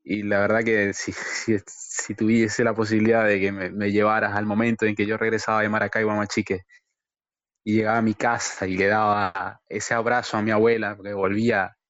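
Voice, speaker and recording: A man's voice: fairly low pitch, a bit bright, no echo. A Venezuelan man in his thirties, an interview guest, talking earnestly and hesitantly with many repeated words. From Venezuela, Zulia. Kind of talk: casual remote interview. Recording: dry, dull lo-fi call audio.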